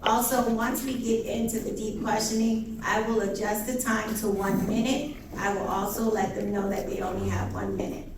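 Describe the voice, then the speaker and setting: A woman's voice: medium pitch, flat delivery, moderate pace. Echoey, noisy female debate moderator. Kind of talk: explaining debate rules. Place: indoor public debate venue. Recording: distant, very echoey room, clear background noise.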